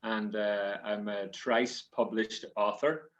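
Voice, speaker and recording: A man's voice: lowish voice, steady tone, slow, lo-fi sound. A man from South Donegal talks in the manner of an Irish storyteller. His Donegal accent carries folksy, conversational phrasing, with small hesitations as he addresses his listeners. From South Donegal, Ireland. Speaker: storyteller and author.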